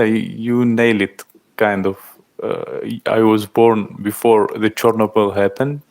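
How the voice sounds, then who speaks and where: A man in his thirties from Algeria, chatting casually on a livestream, reading out and thanking viewers' comments in halting speech. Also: fairly low pitch, a little mellow. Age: 30s. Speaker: livestream host. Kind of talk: casual live-stream chat.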